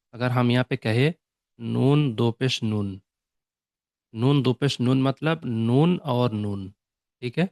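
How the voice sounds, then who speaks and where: A man's voice: medium pitch, no room sound. Man teaching a recitation lesson, dry room. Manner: mixes English terms into Urdu, checks understanding with repeated "okay?" and "clear?"; reads English definitions slowly and deliberately. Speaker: Tajweed teacher. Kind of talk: classroom lesson explaining rules.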